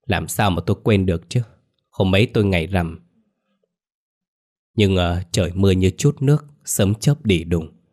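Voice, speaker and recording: A man's voice: low-pitched, moderate pace, long pauses, darkish tone. A man voicing a grieving middle-aged mother who pleads and wails for her lost son. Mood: choked up. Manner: wailing, pleading.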